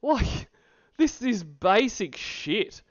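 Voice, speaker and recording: Sing-song and high-pitched, this man drags his words out extremely slowly as he mocks recorded calls on a livestream with casual, sarcastic, profane remarks. The recording is dry, on dull, lo-fi stream audio.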